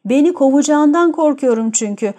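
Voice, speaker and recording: A woman's voice: high voice, animated, normal speed, warm tone, pitched above the performer's own voice. A woman voicing a tormented, jealous young man who tells his story in a gloomy, brooding way.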